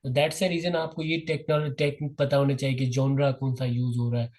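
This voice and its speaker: A young man with a Pakistani accent leads an online prep class at a middle pitch. He is patient, calls students by name and lets definitions unfold slowly. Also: level tone, darkish tone, low-quality recording. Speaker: test-prep teacher.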